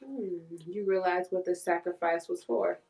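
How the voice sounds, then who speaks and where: A woman's voice: on the low side, moderate pace, gravelly, darkish tone, rough recording. A woman giving a live tarot reading, now and then voicing what the cards' figures would say. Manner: speaks for the cards' figures in quoted asides. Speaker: tarot reader.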